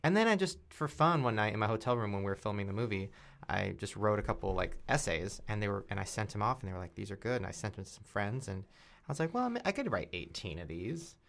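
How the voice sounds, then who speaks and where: A young man guesting on a podcast, speaking low with a gravelly, fry-laden edge. He tells his stories candidly, mocks himself and laughs easily throughout the casual chat. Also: very animated, fast, a bit bright. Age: 20s.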